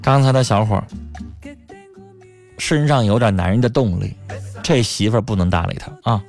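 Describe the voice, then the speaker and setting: A man's voice: fairly low pitch, normal speed, creaky, over music. A man hosting a radio call-in advice show, bluntly scolding and lecturing callers. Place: radio studio.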